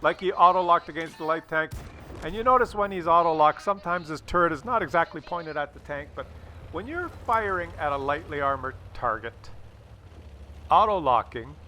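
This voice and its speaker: A man's voice: a little high, lively intonation, normal speed, sharp tone, slight background noise. A man giving casual commentary on a game replay, with a jokey, crude sense of humour and a habit of repeating his phrases. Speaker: host of gameplay commentary video.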